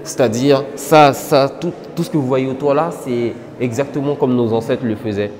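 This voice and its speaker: A man's voice: medium pitch, fairly even intonation, moderate pace, darkish tone, long reverb tail. A man from French Guiana in a casual interview, earnest, with many filler words and restarts. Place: indoor exhibition gallery.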